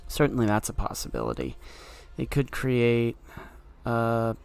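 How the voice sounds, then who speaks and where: A man's voice: mid-range voice, sing-song, a little slow, vocal fry, a little mellow, clean tone, soft background music. A man giving casual commentary while playing a card game, thinking aloud in an offhand way.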